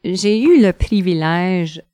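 Low, smooth woman, hesitant. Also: animated, warm tone, no echo. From northern Ontario. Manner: hesitant, many pauses and fillers. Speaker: researcher, interview guest. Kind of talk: casual interview answers.

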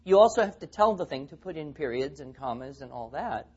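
A man's voice: on the high side, animated, fairly quick, darkish tone, slightly rough, muffled recording. A man speaking at a teaching seminar, telling stories and acting out the quotes. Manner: storytelling, acts out quotes. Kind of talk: seminar talk with anecdotes.

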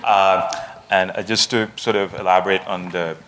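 Man, deep low voice, interviewer, conversational, hesitant, halting, long careful questions, faint noisy background. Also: fairly even intonation, a bit bright. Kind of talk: conversational discussion before an audience.

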